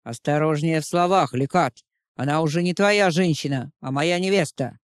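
A woman's voice: low-pitched, normal speed, clean tone, no echo, studio quality, natural voice. A woman playing a proud vampire leader who speaks in a cold, curt, warning way.

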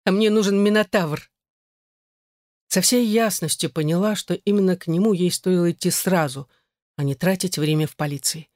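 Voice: medium pitch, a little fast, darkish tone, no echo. A narrator reading a dramatic audiobook into a close mic.

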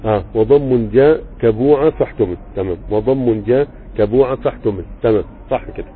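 Fast-talking Egyptian teacher over a tinny line. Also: male voice, mid-range voice, slight background noise. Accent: Egyptian Arabic. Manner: conversational, checks understanding often. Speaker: religious teacher explaining grammar. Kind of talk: live online lesson, reading a text and explaining. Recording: tinny phone-like audio.

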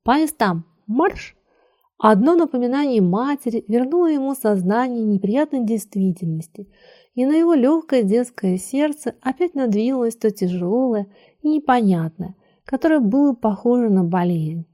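Mellow-voiced woman reading a story. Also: on the high side, lively intonation, normal speed. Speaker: audiobook narrator. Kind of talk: scripted literary narration.

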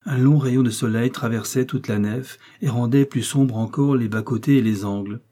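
Husky, mellow male audiobook narrator. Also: mid-range voice. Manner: measured, expressive reading. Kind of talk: literary narration.

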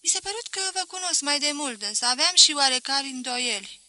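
A woman's voice: high voice, expressive, pushed and bright, no echo, voice pushed up, exaggerated voice. A woman voicing a cheeky young man, a former servant, speaking in a sly, mock-polite, teasing way.

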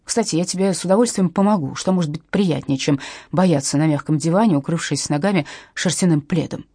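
A woman voicing a sharp, bossy female detective writer who gives terse, hushed commands. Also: deep voice, fairly quick, slightly rough, no room sound, clean studio sound. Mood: curt, bossy.

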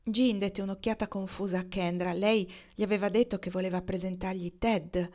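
Female audiobook narrator, calm, measured reading. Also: mid-range voice. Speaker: audiobook reader. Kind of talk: novel reading.

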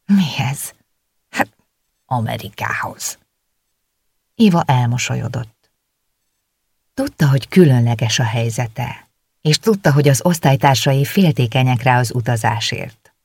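An audiobook narrator telling a novel in a calm, steady way. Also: medium pitch, husky, dry recording. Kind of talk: scripted narration. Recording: dry close recording.

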